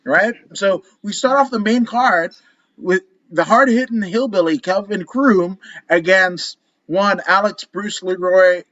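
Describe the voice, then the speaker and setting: A man co-hosting a casual podcast chat, animated and profane, rambling through his rants. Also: sits high, a little slow, no room sound, lo-fi sound. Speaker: co-host.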